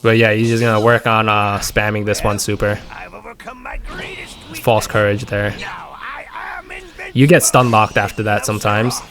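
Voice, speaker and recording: A man's voice: fairly low pitch, flat delivery, a little slow, long pauses, background noise. Rambling man commentating gameplay. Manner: rambling, many fillers and restarts. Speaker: gaming content creator.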